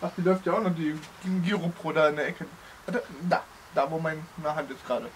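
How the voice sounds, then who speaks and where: A young man banters casually in slang during an outdoor challenge. His voice is high for a man. There is faint background noise. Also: a little fast, rough recording. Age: young adult. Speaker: challenge participant. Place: outdoor garden table under a wooden gazebo. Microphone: camera mic across the table.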